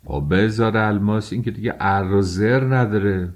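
A man's voice: lowish voice, close to an everyday voice. A man reading an audiobook, voicing an irritable young husband who scolds brusquely. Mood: irritated.

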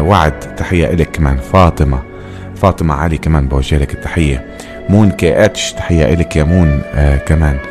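A low-voiced man with a Levantine Arabic accent chats quickly to his live-stream viewers over music. He often stops, repeats a word and picks up again. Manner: halting, repeats himself, addresses viewers directly.

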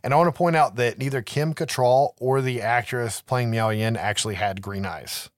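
A man's voice: mid-range voice, moderate pace, no echo, studio quality. A man hosting a podcast, casually retelling a film's plot with swearing and frequent "right?" asides. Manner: laid-back, swears, keeps adding "right?". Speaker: podcast host. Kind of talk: casual movie recap chat.

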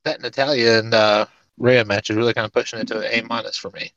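A man's voice: mid-range voice, fairly even intonation, fast talker, fairly bright tone, muffled recording. A man co-hosting a casual wrestling podcast, joking and teasing the others. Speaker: podcast co-host.

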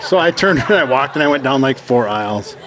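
A man telling a story in casual chat, exasperated, swearing freely, and animated as he rants. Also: medium pitch, fairly quick, a crowd in the background.

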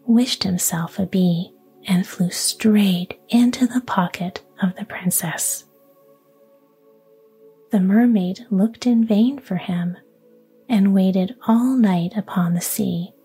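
Slow breathy whispering woman. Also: medium pitch. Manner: slow, hushed, even storytelling. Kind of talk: whispered fairy tale reading, ASMR.

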